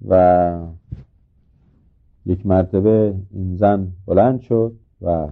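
Gravelly low man, tinny recording. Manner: casual, halting retelling with many filler words. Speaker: religious speaker. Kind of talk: informal religious talk retelling a scripture story.

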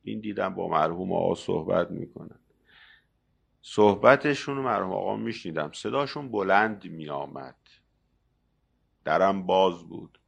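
Male preacher, gravelly voice, lively sermon delivery that acts out dialogue and swings between loud and soft. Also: sits low, pauses often. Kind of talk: religious sermon.

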